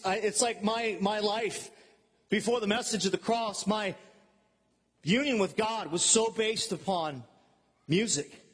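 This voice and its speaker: A man preaching a fervent sermon, swinging between shouted peaks and quiet, low intensity. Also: in a large hall.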